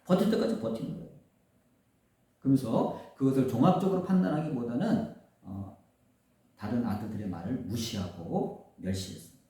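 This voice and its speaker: A man's voice: medium pitch, lively intonation, normal speed, dark tone. A middle-aged man preaching a sermon as pastor, earnestly retelling scripture with acted quotes. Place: church sanctuary. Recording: roomy echo from a distant mic.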